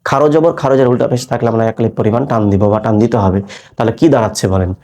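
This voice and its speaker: A man's voice: mid-range voice, very fast, a little mellow. A man teaching Quran reading, spelling out syllables patiently and quizzing his listeners with rhetorical questions. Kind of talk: spelled-out recitation lesson.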